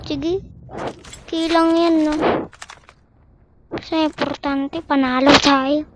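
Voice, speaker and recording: High-voiced gamer over loud gunfire. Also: steady tone, slow pace, very noisy. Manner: chatty, repeats exclamations while playing. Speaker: gaming streamer. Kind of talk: casual gameplay commentary. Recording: loud game gunfire behind the voice.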